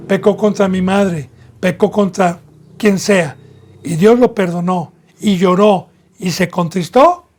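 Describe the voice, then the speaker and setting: A man with a Mexican Spanish accent preaching a fervent sermon as a pastor, often addressing his listeners as brothers and sisters, drawing out key words and then rushing through others. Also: high-pitched, darkish tone. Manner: fervent preaching, often addresses "bendito hermano y bendita hermana".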